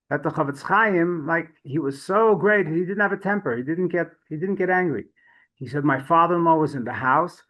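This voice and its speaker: A man teaching a Torah class, telling stories in a chatty way with frequent restarts and lively swings in pitch. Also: rough recording. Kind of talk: storytelling Torah lesson.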